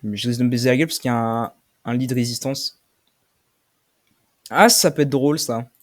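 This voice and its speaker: A young man commentating his own game play, swearing often and shouting when he loses. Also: medium pitch, brisk. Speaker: gaming streamer.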